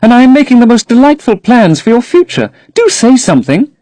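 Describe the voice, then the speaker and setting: A man's voice: extremely high pitch, big pitch swings, brisk, mellow, no room sound, pitched above the performer's own voice. A man reading aloud and voicing a young woman actress, dreamy and infatuated, who gushes rapturously. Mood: pleading. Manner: rapturous, gushing.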